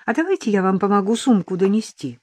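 A woman's voice: medium pitch, lively intonation, fast talker, darkish tone, slightly rough, no room sound, voice pushed up. A woman voicing an earnest, persistent young woman journalist in an audiobook.

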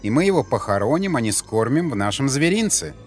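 A man voicing a cruel female leader of warrior women, speaking in an eerily calm, menacing way over faint music. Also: medium pitch, brisk, lightly acted.

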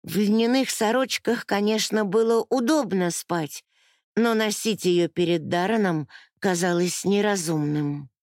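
A woman narrating a novel in first person with measured, even storytelling. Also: medium pitch, dry recording, studio quality. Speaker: audiobook narrator.

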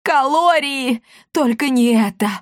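A woman voicing a greedy, bossy old woman villain who screeches and shouts orders in a storybook reading. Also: mid-range voice, measured pace, no room sound, studio quality, natural voice. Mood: horrified.

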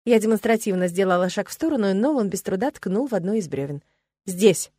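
A woman narrating a first-person story for an audiobook in an even, measured way. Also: mid-range voice, no room sound, studio quality.

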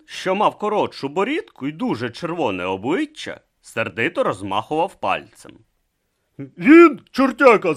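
Animated male audiobook narrator. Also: lowish voice.

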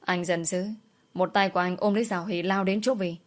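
A woman narrating a dramatic family story in a steady storytelling manner. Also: on the low side, brisk.

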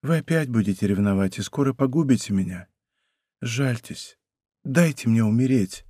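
A man voicing a fragile, despairing young woman in an audiobook, speaking softly and pleadingly, close on a studio mic. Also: mid-range voice, expressive, normal speed, slightly rough, no room sound. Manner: soft, hushed, pleading. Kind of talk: audiobook character voice.

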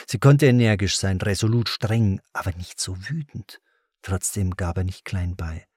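A man reads a novel aloud in a measured and dramatic way. His voice is fairly low and husky. The recording is close and dry, with no room sound. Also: a little mellow, no echo. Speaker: audiobook narrator. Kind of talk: scripted narration.

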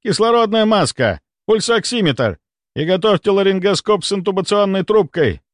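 A man's voice: high-pitched, animated, moderate pace, no room sound, clean studio sound, pitched above the performer's own voice. A man voicing a seasoned doctor in his fifties who barks urgent orders at his staff. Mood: commanding. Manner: barking orders.

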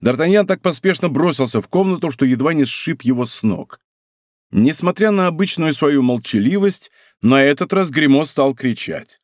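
A man narrating a classic novel as an audiobook reader, expressive and dramatic. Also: fairly high pitch, normal speed, no echo. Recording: dry studio recording.

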